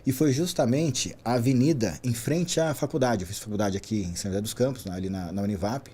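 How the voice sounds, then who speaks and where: Speaking at a medium pitch, a Brazilian man in his forties shares how his career unfolded as a podcast interview guest. He works in traffic safety, tells the story animatedly, and often closes a line with a brisk "né?"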